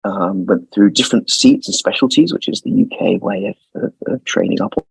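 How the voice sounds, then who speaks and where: He's a man in his forties from London, a guest lawyer with a London accent, whose low-pitched, husky voice moves briskly with some vocal fry. Thoughtful in his interview answers, he repeats words as he searches for phrasing, on poor audio with no room sound.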